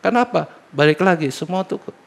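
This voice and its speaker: Animated middle-aged man telling stories. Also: fairly quick, gravelly. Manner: animated, acts out dialogue with a lively, swinging pitch. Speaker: guest giving product testimony. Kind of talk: casual interview storytelling.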